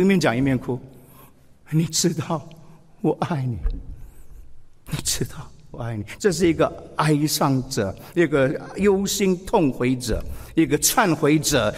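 A man preaching a sermon, lively and expressive, acting out quoted words with feeling. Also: a little high, in a large hall. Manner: expressive, acts out quoted speech with emotion. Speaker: pastor.

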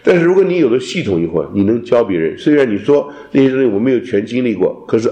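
Man, theology class lecture, mellow low voice, roomy classroom echo. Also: quick pace, highs cut off. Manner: animated lecturing, mixes in English terms. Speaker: theology teacher.

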